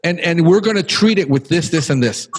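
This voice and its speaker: A man's voice: on the high side, animated, fairly quick, slightly rough. A man who hosts a podcast, talking casually in an emphatic, encouraging, talkative way. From Cuban background. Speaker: podcast host.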